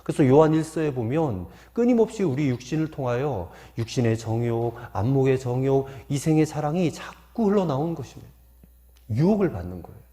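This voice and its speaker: Korean pastor, lively and mellow. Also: male voice, mid-range voice, brisk. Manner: poses rhetorical questions to the congregation; folksy storytelling with anecdotes. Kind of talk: sermon.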